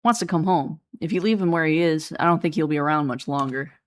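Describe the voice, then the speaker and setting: A woman's voice: sits low, fast talker, natural voice. A woman reading the lines of a blunt, pushy male investigator with a Brooklyn accent. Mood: stern.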